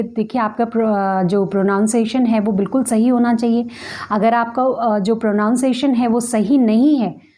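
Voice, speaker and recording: Mellow-voiced woman teaching pronunciation. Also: mid-range voice. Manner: patient, explanatory, demonstrates words by repeating them. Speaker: ghazal and poetry teacher. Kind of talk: conversational lesson on pronunciation.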